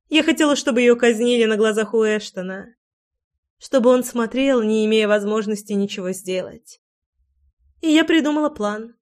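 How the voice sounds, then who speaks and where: A woman doing a cold, gloating woman villain for a storybook, scheming and a touch high. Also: darkish tone, lightly acted. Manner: cold, gloating, hissing threats.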